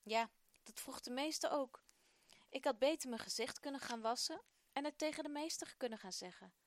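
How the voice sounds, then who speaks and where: A woman's voice: high voice, normal speed, no echo, lightly acted. A woman reading the part of an eager, imaginative young schoolboy who talks earnestly.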